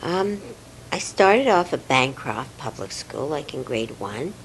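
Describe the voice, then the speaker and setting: An older woman from Romania, recalling her childhood in a hesitant, reflective home interview with many pauses and fillers. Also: rumbling low, very animated, a little hiss or hum, low-quality recording. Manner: hesitant, many fillers, soft trailing words.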